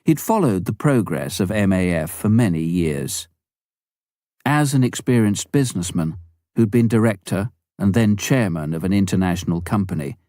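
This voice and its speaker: A memoir is narrated audiobook-style by a man whose voice is fairly low and very mellow, his scripted reading clear and measured. There is no room sound, as the audio is recorded dry and close.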